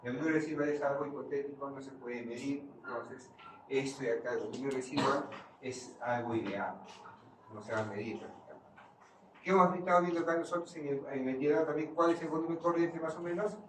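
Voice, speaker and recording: A man's voice: medium pitch, a little fast. A man giving a physiology lecture, quizzing the class and answering his own questions. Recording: far-off mic in an echoey room, noisy.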